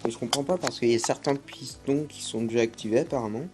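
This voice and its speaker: A man's voice: mid-range voice, fast talker, over loud music. A young man giving casual gameplay commentary, hesitant and full of fillers. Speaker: gaming YouTuber.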